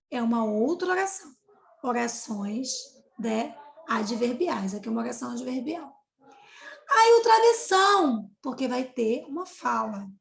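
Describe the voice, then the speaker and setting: A woman's voice: high voice, vocal fry, echoey room. A Brazilian woman teacher giving a recorded video lesson, explaining step by step and checking in with her students. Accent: Brazilian Portuguese.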